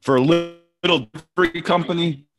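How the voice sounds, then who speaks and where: A man's voice: a little high, steady tone, unhurried, over music. A man co-hosting a stock market show, chatting casually while his video call connection breaks up and cuts out. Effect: video call connection breaking up and cutting out.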